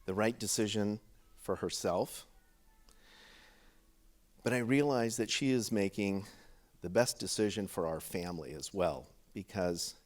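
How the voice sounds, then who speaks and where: A middle-aged man giving a heartfelt father of the bride speech to wedding guests, in deliberate, paused phrases. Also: on the low side.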